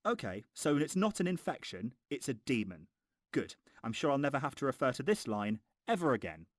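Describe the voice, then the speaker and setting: A man's voice: mid-range voice, sing-song, brisk, no echo, clean studio sound, faint music behind. A man narrating a scripted film review in a mocking, exasperated, sweary way.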